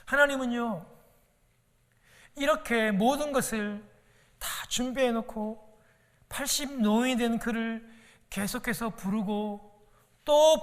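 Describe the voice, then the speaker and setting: A man's voice: extremely high pitch, a bit bright. A male pastor preaching a sermon, earnest, keeps turning to speak straight to his congregation. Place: church sanctuary. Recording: long church-hall reverb.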